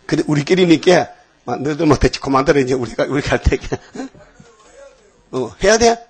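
A man's voice: on the high side, expressive, brisk, breathy edge. A man preaching an informal sermon to a small group, folksy and chatty, often asking the listeners questions.

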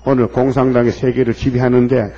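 Man preaching hard, husky dark voice, asks the crowd stuff, muffled lo-fi recording. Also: mid-range voice, flat delivery, fairly quick. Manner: emphatic, asks the listeners pointed questions. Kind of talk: sermon. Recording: dull lo-fi recording.

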